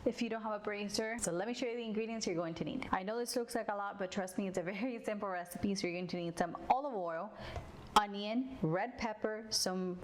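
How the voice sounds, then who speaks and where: Woman cooking-show host from Cuba, conversational tutorial delivery, clear frying sizzle behind. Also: medium pitch, brisk, a little hiss or hum. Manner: friendly, chatty, addresses viewers directly. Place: home kitchen. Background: sizzling frying food.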